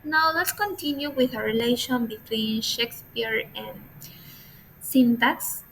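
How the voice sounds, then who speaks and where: A woman giving a class presentation, reading a prepared script from slides in a slow, careful way. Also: on the high side, gravelly, a bit bright, a little hiss or hum, poor audio. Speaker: student presenter.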